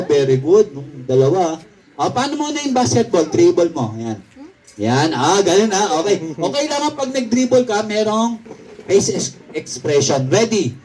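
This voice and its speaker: A man's voice: sits high, darkish tone, recorded from a distance. A man hosting a party game, teasing and chatty, often laughing and counting down to the crowd. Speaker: party emcee.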